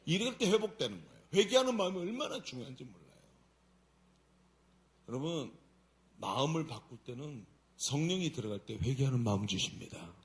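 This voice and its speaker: A man pastor preaching a sermon at a Friday prayer meeting in a church, telling the story in a colloquial, animated way. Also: mid-range voice, fairly quick, long pauses. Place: church sanctuary.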